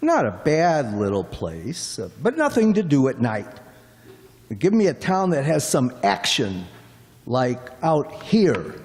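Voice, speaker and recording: A man's voice: medium pitch, wildly swooping pitch, slow pace, a little mellow. A man playing a chatty, folksy middle-aged cab driver in a radio play, rambling on in a drawl. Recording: long hall reverb.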